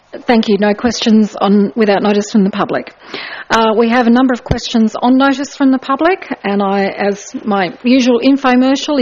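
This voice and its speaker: A woman runs a council meeting as mayor, moving briskly through procedure with a few light asides. The recording is dull and lo-fi. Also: medium pitch.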